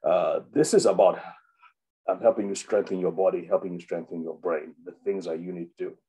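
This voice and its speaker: A man's voice: sits low, steady tone, fairly quick, warm tone, breathy edge, lo-fi sound. A man, a doctor, giving an unscripted health webinar, with many fillers and restarts. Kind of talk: informal health talk.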